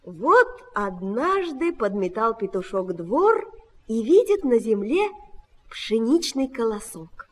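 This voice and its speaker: Slow expressive woman reading a fairy tale. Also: on the high side, big-room sound. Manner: expressive, sing-song storytelling. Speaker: storyteller.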